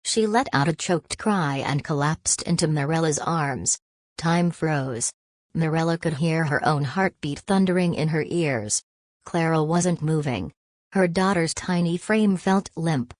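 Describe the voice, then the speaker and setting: A woman giving scripted narration of a family drama in a dramatic, measured way. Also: deep voice, no echo.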